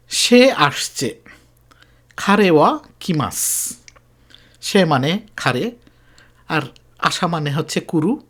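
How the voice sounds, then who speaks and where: Lively language teacher. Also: mid-range voice, husky. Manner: patient, repeats each phrase slowly with emphasis. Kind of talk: explanatory language lesson.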